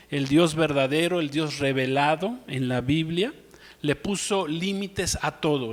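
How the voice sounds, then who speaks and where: A man's voice: on the high side, big-room sound. A man preaching a sermon as pastor, asking rhetorical questions and often saying amen. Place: church.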